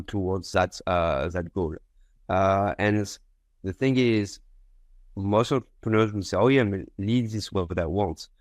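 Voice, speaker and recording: A man from France, speaking with a French accent in a deep voice, explains his business in a conversational way. He is a company founder appearing as a podcast guest, and the recording has no room sound.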